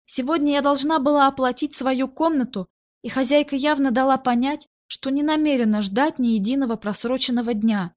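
Higher-voiced woman narrating a story. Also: fairly quick, a little mellow. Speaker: audiobook narrator. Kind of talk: first-person story narration.

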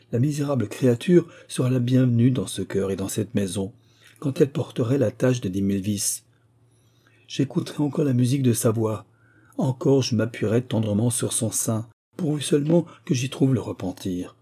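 A man reads an aging country vicar, torn by grief and given to impassioned declaiming. The voice is very dark and mellow, with a husky edge. It fits a classic storybook reading. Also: medium pitch.

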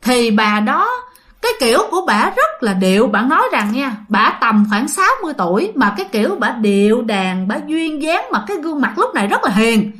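A woman's voice: fairly high pitch, sing-song, fairly quick, fairly bright tone. A woman telling a ghost story in a chatty way, speaking to her listeners. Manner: chatty, addresses listeners, many fillers. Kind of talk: casual storytelling.

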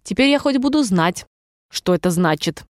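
A woman's voice: medium pitch, expressive, normal speed, dry recording, studio quality, natural voice. Woman doing a musing, curious young girl. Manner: wondering, musing to herself.

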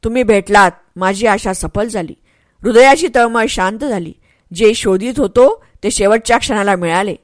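A woman's voice: mid-range voice, normal speed, no room sound, clean studio sound, close to an everyday voice. A woman voicing a brave young male warrior, a dying son who speaks earnestly and pleads tenderly. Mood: pleading.

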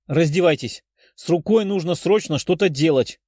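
A man's voice: on the high side, normal speed, a little mellow, husky, no room sound, studio quality. A man voicing a tearful, devoted young healer girl. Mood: worried.

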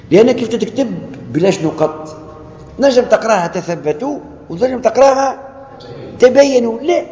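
A man with a Tunisian Arabic accent giving a classroom lecture on scripture. He talks in an animated way, acts out quoted dialogue and asks the class questions. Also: high voice. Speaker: lecturer on Quranic sciences. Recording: echoey lecture hall, dull lo-fi sound.

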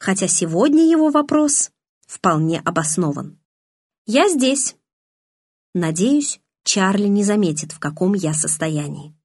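A woman narrating a novel in the first person, in an even, measured storytelling manner. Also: lowish voice, slightly rough, dry recording, studio quality. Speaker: audiobook narrator.

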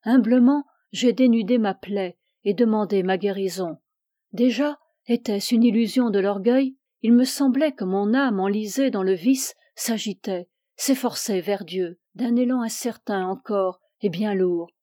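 Une femme qui prête sa voix à un jeune homme tourmenté, partagé entre la foi et un amour coupable, qui implore avec passion. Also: female voice, mid-range voice, a little slow, warm tone, no room sound, clean studio sound, lightly acted. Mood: remorseful. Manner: pleading, impassioned. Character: anguished young man torn by guilty love.

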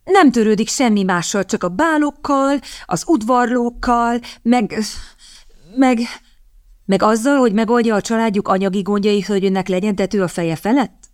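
Audiobook: a composed, commanding gentleman, voiced by a woman narrator, lowish, dry delivery. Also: expressive, no room sound, lightly acted. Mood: firm. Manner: firm and commanding. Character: stern, composed young gentleman.

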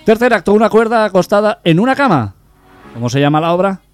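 A man's voice: sits high, very animated, fast talker, clear, resonant tone, faint music behind. A young man co-hosting a community radio humor show, telling jokes and quizzing his co-hosts playfully.

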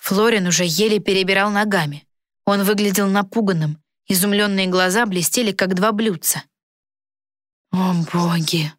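A woman reading a fantasy story aloud as narrator, in smooth, even storytelling. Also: mid-range voice, brisk, dry recording, studio quality. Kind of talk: scripted audiobook narration.

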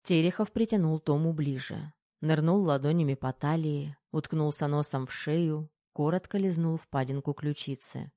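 Woman, audiobook narrator, low voice, mellow tone, dry close mic. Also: normal speed, few pauses, dry recording. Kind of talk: scripted narration.

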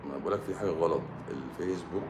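A man's voice: deep voice, rapid-fire, heavy background noise. A man with an Egyptian accent, a doctor hosting a live stream, lecturing viewers in a stern, sarcastic way. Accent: Egyptian Arabic. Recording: echoey room.

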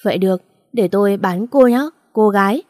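A bitter, vengeful middle-aged father hurls loud accusations, as a woman storyteller voices him. His voice is warm and mellow, recorded dry and close with no room sound. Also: medium pitch, moderate pace, no room sound, lightly acted. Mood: bitter, accusing.

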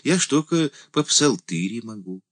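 A man voicing a small, frail, timid old male church deacon who pleads in a high, fretful voice that rises to near cries. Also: very animated, moderate pace.

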